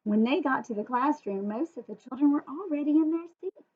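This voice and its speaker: A woman reading a children's story expressively and deliberately, pausing to ask listeners questions. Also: high-pitched, expressive, a little mellow. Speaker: storybook reader. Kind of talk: children's read-aloud with asides to listeners. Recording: phone-like, muffled thin audio.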